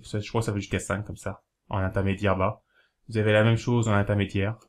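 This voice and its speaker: A man talking casually to camera, giving practical tips in a rambling, hesitant way, with many fillers and self-corrections, slowing down to spell things out. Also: fairly low pitch, little pitch movement. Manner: explains slowly, spelling things out while writing. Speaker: video host giving learning tips.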